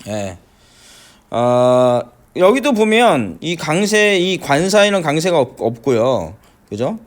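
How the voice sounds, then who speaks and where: A middle-aged man lectures on English listening and pronunciation. His voice sits a little high and rises and falls a lot. He repeats himself, uses many fillers and keeps asking whether the class follows. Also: big pitch swings, takes it slowly. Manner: repetitive, with many fillers and checks like "got it?".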